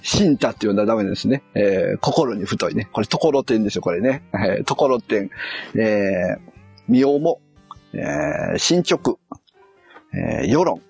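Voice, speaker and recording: Gravelly man puzzling aloud. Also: mid-range voice, a little mellow. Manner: muttering and puzzling aloud, correcting himself. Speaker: streamer. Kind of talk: casual live stream, reading a kanji quiz aloud.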